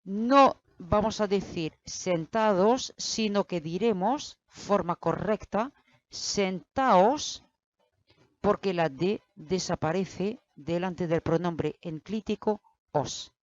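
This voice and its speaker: A woman teaching a grammar lesson, explaining slowly and deliberately and speaking straight to the learner. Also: on the low side, no room sound. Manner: slow, deliberate explaining, addressing the learner directly. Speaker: Spanish teacher. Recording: dull, lo-fi, dry sound.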